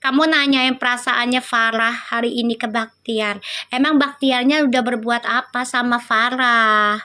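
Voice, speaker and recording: A woman's voice: fairly high pitch, steady tone, a little slow, pushed and bright, clear, resonant tone. A woman from Indonesia, reading tarot and chatting casually with viewers on a livestream, teasing and affectionate. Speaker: tarot reader.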